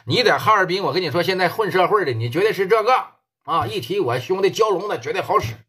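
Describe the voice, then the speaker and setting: A man's voice: high-pitched, animated, fast, bright, forceful tone. A man with a Northeastern Mandarin accent voicing a hearty, generous middle-aged club boss who talks in a jovial, back-slapping way.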